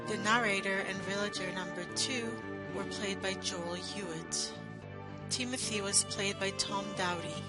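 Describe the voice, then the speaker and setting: Loud music plays behind a woman announcer. She reads scripted credits in a mid-pitched voice, as a formal list. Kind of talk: scripted cast-credit reading.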